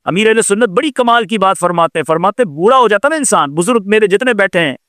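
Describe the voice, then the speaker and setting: An older male preacher delivering a fervent sermon in a fairly high voice. His delivery swings between urgent appeals and hushed pleading, with English words slipped into the preaching. The recording is close and dry. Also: expressive, quick pace, dry recording. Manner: impassioned, mixes English words into Hindustani preaching.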